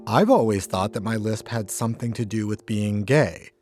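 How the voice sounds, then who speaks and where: A man's voice: lowish voice, moderate pace, a little mellow, faint music behind. A man narrating a personal documentary in a candid, first-person way.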